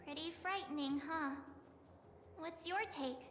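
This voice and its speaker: An actress voicing a spirited, caring young woman adventurer in a video game cutscene, with a lively, expressive anime-style delivery. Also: high-pitched, measured pace. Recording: roomy game audio with music.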